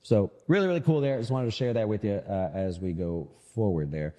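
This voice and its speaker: This financial show host and investment manager speaks at a fairly low pitch with a brisk yet mellow delivery. Live on air, he chats casually about the markets and keeps tossing in rhetorical questions to check in with listeners. Hall-like reverb makes his voice echo.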